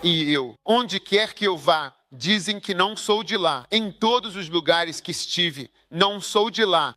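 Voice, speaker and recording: A man delivers a sermon as a voice-over, his voice pitched high and bright. He speaks emphatically and keeps turning to the audience with rhetorical questions. The sound is close and dry. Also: animated, measured pace, no room sound. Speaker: preacher.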